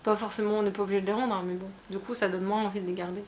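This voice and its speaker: A woman's voice: medium pitch, little pitch movement, rapid-fire, a little hiss or hum. A woman chatting casually about her book haul, talking in a hesitant way with many fillers and restarts. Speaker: book vlogger.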